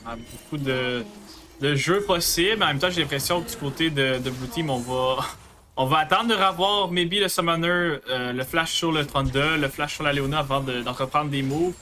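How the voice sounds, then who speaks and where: A man's voice: fairly high pitch, normal speed, sharp tone, slight background noise. A man with a Quebec French accent analysing an esports match live, mixing English gaming jargon into his speech.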